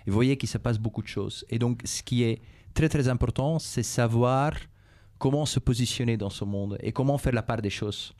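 A middle-aged male executive from Belgium, Dutch-speaking by birth, replies in French with a Flemish accent as schoolchildren interview him. His mid-range voice is mellow. He explains things calmly and deliberately, pausing often to hesitate, repeating himself, and filling gaps with "euh" and "et cetera."

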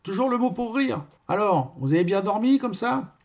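A man voicing a plump, gossipy middle-aged female concierge in a storybook reading, chatty and insistent, with a husky edge. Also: high-pitched, expressive, normal speed, pitched above the performer's own voice.

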